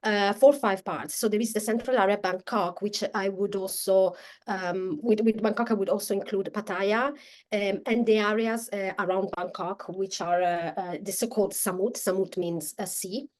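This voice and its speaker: A woman, speaking as an interview guest in a casual, halting way with many restarts and fillers. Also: medium pitch, fairly even intonation. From Italy.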